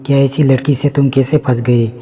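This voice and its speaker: A man voicing a stern, traditional mother-in-law in a storybook reading, scolding in a flat, level way. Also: medium pitch, moderate pace, long reverb tail, close to an everyday voice.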